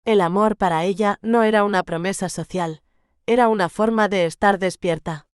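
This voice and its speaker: A woman narrating a romance novel audiobook in a measured, gentle storytelling manner. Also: medium pitch, smooth, no echo, studio quality.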